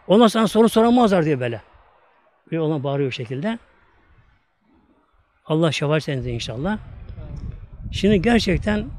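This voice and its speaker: High-pitched emphatic Turkish preacher. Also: male voice, a little mellow, dry recording. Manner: emphatic, repetitive storytelling. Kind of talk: storytelling religious talk.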